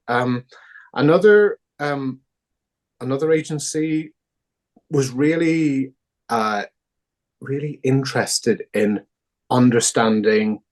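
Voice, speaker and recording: A man with a Northern Irish accent, a founding director answering interview questions thoughtfully, with hesitant fillers. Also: mid-range voice. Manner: thoughtful, many fillers and restarts.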